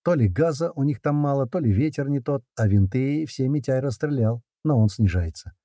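A man reading an action story aloud in the first person, with brisk, slangy narration and shouted lines for the characters. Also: mid-range voice, expressive, dry recording, studio quality. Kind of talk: audiobook narration with character voices.

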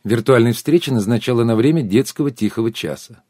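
A man voicing a teasing, sharp-witted brunette woman in an audiobook. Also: medium pitch, brisk, no room sound, studio quality, lightly acted. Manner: teasing, animated.

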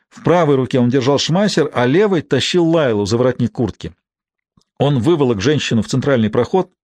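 A man narrating a thriller audiobook in a measured, steady way. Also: mid-range voice, dry recording, studio quality.

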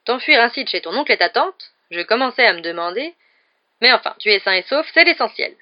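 A woman's voice: on the high side, animated, a little fast, dull audio, pitched above the performer's own voice, natural voice. A woman voicing a tired, brusque middle-aged male minister in a storybook reading, curt and officious.

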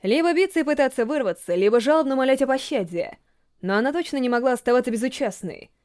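A woman narrating a horror story in measured scripted storytelling. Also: sits high, animated, a little mellow. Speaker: audiobook narrator.

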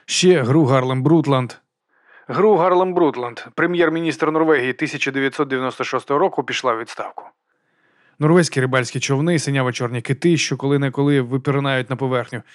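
A man reading audiobook narration in a calm, measured way. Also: medium pitch, no room sound, studio quality. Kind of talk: scripted narration.

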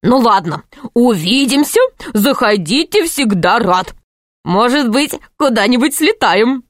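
A woman's voice: fairly high pitch, expressive, dry recording, clean studio sound. Woman voicing a jolly eccentric shopkeeper. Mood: cheerful. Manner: jolly, hurried, welcoming.

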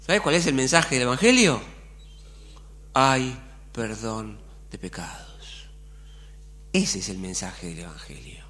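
A man's voice: medium pitch, animated, slow, long pauses, pushed and bright. A middle-aged man with an Argentine accent preaching a sermon as pastor, colloquial and full of rhetorical questions. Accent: Argentine Spanish.

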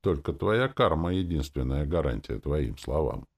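A man's voice: rumbling low, very animated, moderate pace, a little mellow, husky, heavily acted. A man voicing a jovial, ingratiating male gnome merchant in an audiobook, sweet and coaxing. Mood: sly. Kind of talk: audiobook character voice.

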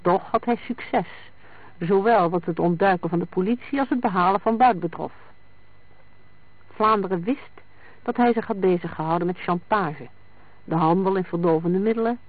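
A reader narrating a crime story in a measured, even way. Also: medium pitch, no room sound. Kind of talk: scripted crime-story reading. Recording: dry, tinny lo-fi sound.

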